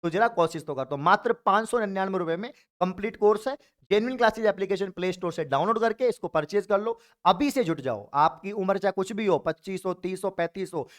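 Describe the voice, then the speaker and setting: A man from Rajasthan, a coaching teacher giving an exam update online and encouraging his viewers, whom he calls friends and brothers. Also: sits high. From Rajasthan, India. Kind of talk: YouTube exam update talk.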